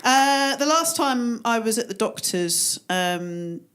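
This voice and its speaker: A woman's voice: a little high, lively intonation, takes it slowly, background noise. A woman in her forties doing a stand-up comedy set on a club stage, with a dry, self-deprecating delivery.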